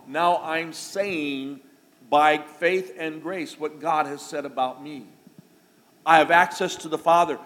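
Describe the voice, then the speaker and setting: Preaching in his church sanctuary, a middle-aged pastor keeps things folksy and conversational, with asides and small jokes along the way. His voice is a little high and somewhat bright. Long church-hall reverb and a bit of faint noise color the recording.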